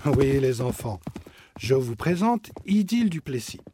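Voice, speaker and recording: Man doing a proud, polite horse breeder, lively tone. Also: medium pitch, measured pace, very noisy. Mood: friendly.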